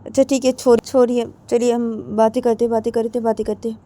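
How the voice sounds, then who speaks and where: A woman voicing an easygoing grandfather who calmly settles a family argument. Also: fairly high pitch, fairly quick, voice pushed up, lightly acted. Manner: calm, soothing. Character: easygoing grandfather, calm older man.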